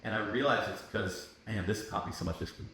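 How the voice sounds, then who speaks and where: A man co-hosting a podcast, chatting casually and animatedly, often laughing and jumping up in pitch when excited. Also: a little fast. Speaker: podcast co-host. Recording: echoey room with faint noise.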